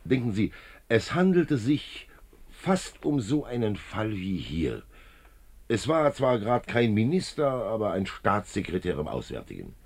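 An actor in a 1950s German radio play as a genial, wily older male police commissioner, jovial, chatty and slyly probing, with a husky voice. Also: on the low side, huge pitch swings, measured pace, heavily acted. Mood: reflective, animated. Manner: jovial, chatty, sly probing with little chuckles.

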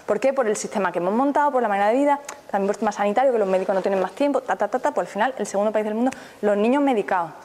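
Fast-talking woman teaching mindfulness. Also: mid-range voice, darkish tone. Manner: engaging, keeps asking the audience questions. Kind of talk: live talk to an audience. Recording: reverberant hall, faint background noise.

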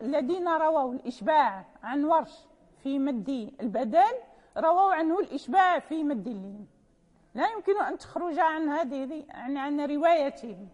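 A woman's voice: sits high, darkish tone. A woman teaching a lecture on recitation rules, patiently explaining, repeating key terms and checking that her students follow. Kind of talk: classroom lecture. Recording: long hall reverb.

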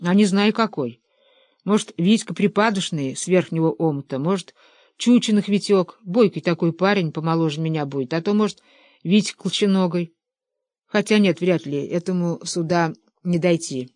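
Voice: medium pitch, normal speed, a little mellow, dry recording, studio quality, natural voice. A narrator voicing a stubborn, simple-minded young man who rambles in rustic, colloquial speech. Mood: rambling.

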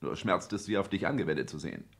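In a 1960s German radio play, a male actor portrays a cold, ambitious social climber, delivering lines in a clipped, pompous, formal, declamatory manner. His low, creaky voice moves quickly and animatedly, and the mood is cold and calculating.

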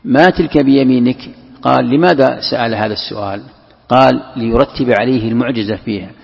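A man's voice: mid-range voice, quick pace, gravelly, husky. A man giving a scripture commentary lesson. He poses questions, answers them himself and repeats key phrases. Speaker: religious teacher. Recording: echoey hall, dull lo-fi sound.

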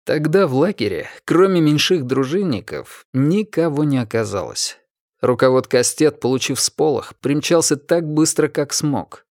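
A man narrates an audiobook in a steady, even manner. His voice sits a touch high for a man, recorded close and dry with no room sound. The telling is plain and unhurried. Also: dry recording. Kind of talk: scripted narration.

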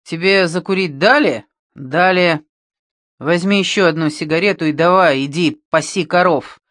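Gruff impatient gang boss, curt orders, reader doing it, dry sound. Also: medium pitch, normal speed, a bit bright, no room sound, lightly acted. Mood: dismissive. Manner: curt, commanding.

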